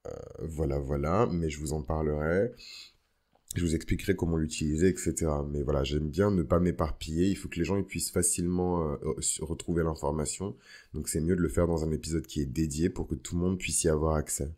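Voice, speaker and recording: A man's voice: a bass voice, fairly even intonation, fairly quick, warm tone. A man hosting an astrology podcast as a casual, informal monologue, dropping bits of English slang into his talk. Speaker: podcast host.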